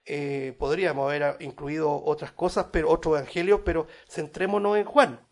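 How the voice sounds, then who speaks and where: A man preaching a Bible study sermon, addressing his listeners as brothers, growing loud on scripture and dropping quiet on asides. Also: steady tone, normal speed. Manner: rises in volume on scripture, drops low on asides. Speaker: pastor.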